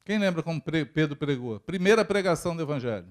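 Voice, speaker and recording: A man's voice: a little high, lively intonation, fast talker. A man with a Brazilian Portuguese accent preaching a sermon in a church, talking to the congregation and asking it questions as he goes. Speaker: pastor.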